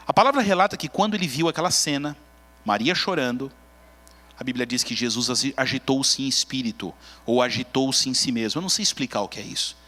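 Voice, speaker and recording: A man with a Brazilian Portuguese accent preaching a sermon as a pastor. He tells the story in an animated way and acts out the characters. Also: mid-range voice. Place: church. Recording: long reverb in a large church.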